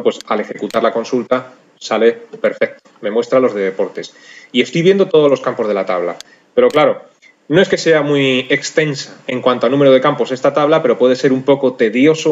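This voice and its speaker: A man narrating a software screencast tutorial in a conversational way, talking straight to his viewers. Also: mid-range voice, dull audio. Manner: conversational, addresses viewers directly. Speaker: software instructor.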